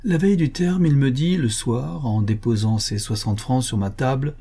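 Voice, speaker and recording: A man's voice: mid-range voice, normal speed, warm tone, breathy edge. A man voicing a talkative male concierge who is deferential and emphatic, eager to reassure his listener.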